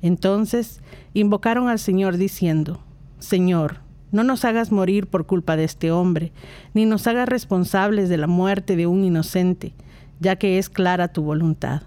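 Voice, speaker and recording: A reader calmly reading an Old Testament passage in a measured liturgical style. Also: mid-range voice, clean tone, no echo. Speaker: scripture reader.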